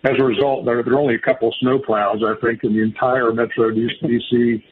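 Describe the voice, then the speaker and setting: A man hosting a casual radio interview, talking in a halting way and often repeating words. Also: medium pitch, level tone, husky. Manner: halting, repetitive phrasing. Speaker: radio host. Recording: dull lo-fi radio audio.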